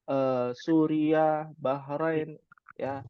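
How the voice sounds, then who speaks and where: A man's voice: fairly high pitch, little pitch movement, very slow, clean tone, dry recording. Man teaching Arabic, dry lo-fi sound. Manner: conversational, rhetorical questions, frequent "ya" fillers. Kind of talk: online class lecture.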